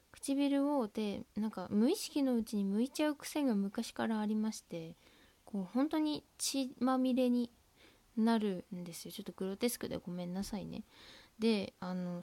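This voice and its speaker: A woman with a Tohoku accent hosting a casual solo podcast from home, talking softly and rambling with many fillers and whispered asides into a laptop mic. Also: on the high side. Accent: Tohoku Japanese. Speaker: podcast host. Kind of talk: casual solo radio chat. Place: at home by an open window. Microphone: laptop built-in mic.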